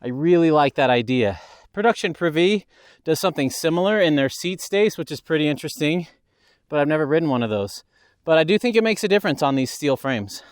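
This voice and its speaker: A man's voice: on the high side, animated, a little fast, clear, resonant tone, no echo, clean studio sound. A man reviewing a mountain bike aloud while riding it on a desert trail, enthusiastic and now and then a little winded. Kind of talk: riding commentary.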